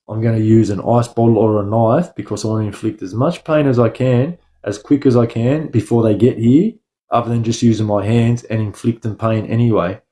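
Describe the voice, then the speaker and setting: Mellow-voiced Australian man, rambling and slangy. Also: medium pitch. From Sydney, Australia. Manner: slangy, blunt, often addressing listeners as bro or lad; rambling, repeats phrases. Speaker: livestream host. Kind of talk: casual livestream chat.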